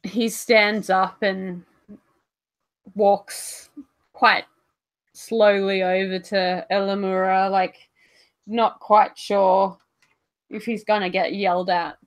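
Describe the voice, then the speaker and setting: Woman player in a tabletop storytelling game, understated, slow delivery. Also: medium pitch, flat delivery.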